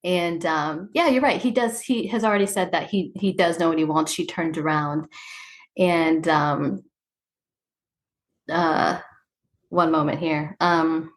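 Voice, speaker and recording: Lower-voiced woman podcast host. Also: fairly even intonation, a little slow, long pauses. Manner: conversational, many fillers like "right?" and "you know". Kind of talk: casual chat recapping a show.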